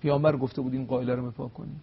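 Husky man telling religious history. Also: medium pitch, level tone, dull audio. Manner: emphatic, rising to stressed peaks, slows to recite Arabic. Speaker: religious scholar guest. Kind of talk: storytelling lecture on religious history.

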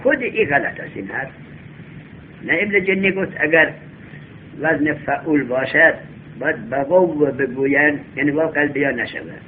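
A male teacher giving a classroom lesson, reading a text slowly aloud, then explaining it and quizzing his students. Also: fairly high pitch. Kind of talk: classroom lesson on Arabic grammar. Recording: tinny lo-fi recording with faint hum.

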